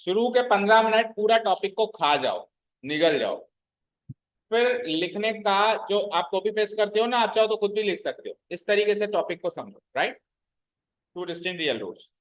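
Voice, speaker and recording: High-voiced man teaching maths to a class. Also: expressive, phone-quality sound. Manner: checks understanding with frequent questions to the class; explains slowly, repeating key terms. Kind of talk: classroom lecture.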